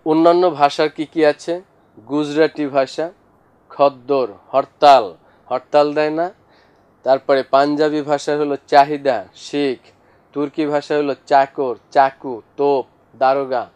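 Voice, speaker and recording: A man's voice: fairly high pitch, flat delivery, a little slow, a little mellow, smooth. A male teacher giving a classroom lesson, speaking to students directly and listing examples one after another. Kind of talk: classroom lesson explaining vocabulary.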